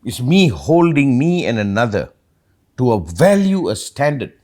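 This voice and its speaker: A man hosting a reflective talk, an animated storyteller who acts out quotes as he rambles through his points. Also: medium pitch, a little slow. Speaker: podcast host.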